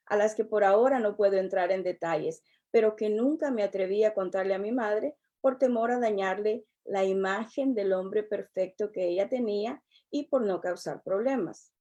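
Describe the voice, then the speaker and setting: A middle-aged woman, a relationship coach giving a prepared personal testimony in a measured, earnest way. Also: medium pitch, dark tone. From El Salvador. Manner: measured, earnest, unhurried delivery.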